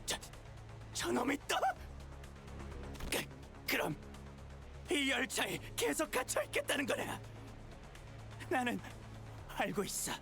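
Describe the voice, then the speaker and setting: An actor playing a menacing, frenzied blood fiend in a game, theatrical and threatening, with a gravelly, sharp voice. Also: medium pitch, exaggerated voice. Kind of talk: dramatic game voice acting.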